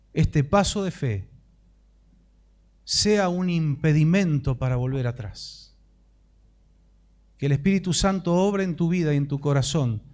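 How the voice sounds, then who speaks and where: A man's voice: on the high side, a little mellow. A man preaching a sermon as pastor, impassioned and rising into fervent prayer.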